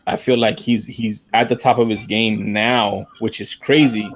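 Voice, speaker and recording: A man's voice: fairly low pitch, a little slow. A man co-hosting a podcast, chatting casually about fights, throwing in "man" and "dude" a lot. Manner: animated, says "man" and "dude" often, acts out quotes. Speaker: podcast co-host.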